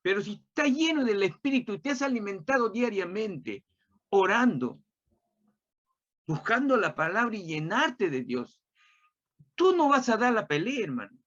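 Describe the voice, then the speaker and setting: A man preaches a sermon and tells a personal story along the way. He talks in an animated way and repeats his rhetorical questions, and his voice swings widely in pitch. The recording sounds dull and lo-fi. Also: moderate pace.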